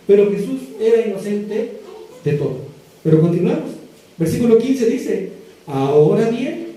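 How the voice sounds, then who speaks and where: A man preaches in a very high, mellow voice. He reads scripture slowly and puts direct questions to his congregation. The sound comes from some distance, with heavy echo in a church hall. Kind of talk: sermon with scripture reading. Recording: echoey hall, voice picked up from afar.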